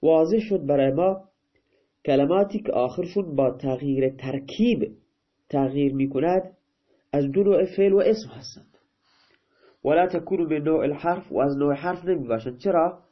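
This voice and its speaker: Man teaching a grammar lesson. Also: fairly high pitch. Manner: reads a line of text, then explains it in plain talk. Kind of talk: grammar lesson, reading and translating. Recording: dull, lo-fi recording.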